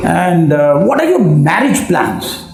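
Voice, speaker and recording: A man with an Indian English accent, an interviewer putting formal questions and giving feedback in a measured way with pauses. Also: on the high side, very animated, over music. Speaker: interviewer and coach. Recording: echoey room.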